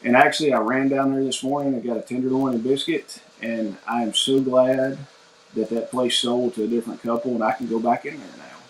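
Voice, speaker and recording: A man's voice: mid-range voice, brisk, slight background noise. A man chats loosely on a morning livestream. His voice sits in a middle register, and his talk is folksy and rambling. The sound carries a noticeable room echo. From United States. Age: 40s. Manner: rambling, folksy, reads viewer comments aloud. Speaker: livestream host. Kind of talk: casual livestream chat. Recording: echoey room.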